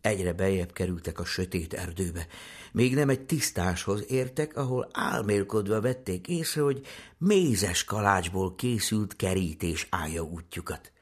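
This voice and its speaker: A man narrating a fairy tale in a gentle, expressive storytelling manner. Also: deep voice.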